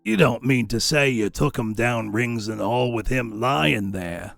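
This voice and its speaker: A man's voice: mid-range voice, a little slow, vocal fry, a bit bright, dry recording, faint music behind. A man voicing a sly, grudging old dealer in stolen goods, wry and haggling, in a storybook reading. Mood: curious, amused. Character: sly, miserly old male fence, grudging. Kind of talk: storybook character voice.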